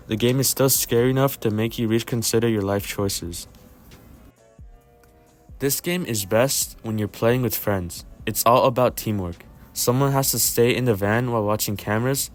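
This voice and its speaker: A man narrates a scripted video game review as the host of the channel. His voice sits at an ordinary middle pitch. Faint music plays behind him.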